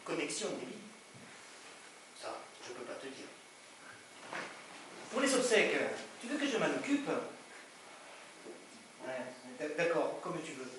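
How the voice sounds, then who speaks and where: A man's voice: fairly high pitch, sing-song, unhurried, long pauses. A man playing a stammering grieving son. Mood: wary. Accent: southern French. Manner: stammers and flares up in indignant bursts. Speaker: stage actor. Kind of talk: live stage play. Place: theatre stage. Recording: echoey theatre, distant mic, audience noise.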